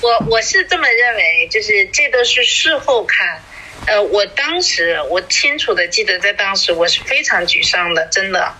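A woman's voice: medium pitch, lively intonation, normal speed, sharp tone, low-quality recording. A woman in her forties chatting casually as a podcast co-host, rambling with many fillers and restarts. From small city in China. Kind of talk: casual chat.

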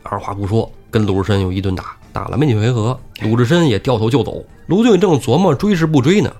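A man co-hosting a podcast, retelling a classic novel in a lively, colloquial way. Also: medium pitch, fast talker, soft background music. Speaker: podcast co-host.

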